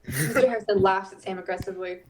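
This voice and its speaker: Woman narrating an audio drama, plain even stage directions. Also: medium pitch, fast, a crowd in the background. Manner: plain, even scene-setting.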